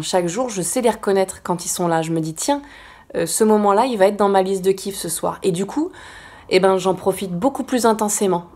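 A lifestyle vlogger with a mid-range, dark-toned voice gives casual, encouraging advice directly to the viewer. She's chatty and uses lots of fillers.

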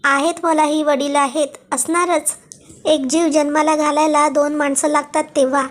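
A woman voicing a defiant young woman who confronts her absent father in a cold, sharp, cutting voice. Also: high-pitched, level tone, moderate pace, natural voice. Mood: icy, accusing.

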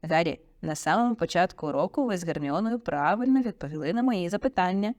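A woman voicing a calm, kindly male wizard teacher in an audiobook, encouraging and unhurried. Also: sits low. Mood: pleased. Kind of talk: audiobook character voice.

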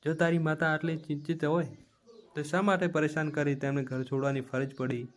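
A man's voice: a little high, level tone, a little fast, natural voice. Man voicing a dismissive police officer. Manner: dismissive, lecturing.

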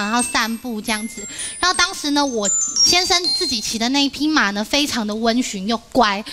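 High-voiced woman telling a joke. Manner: animated storyteller, acting out the husband's anger. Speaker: comedy show contestant. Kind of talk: telling a joke on a TV variety show.

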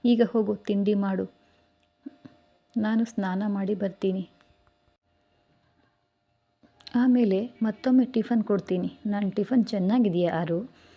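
A woman voicing a tender, teasing young husband who gently reassures his wife, read in a soft coaxing way. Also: medium pitch, unhurried, creaky, dull audio.

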